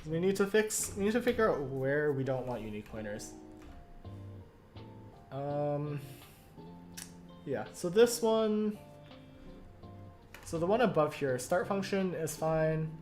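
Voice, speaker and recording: A young adult streamer with a hoarse, croaky voice, casually thinking aloud while coding and often stopping to correct themselves. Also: medium pitch, animated, takes it slowly, pauses often, a little mellow, faint music behind. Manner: thinks aloud, self-correcting, many fillers. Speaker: streamer studying compilers. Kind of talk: casual live-coding narration.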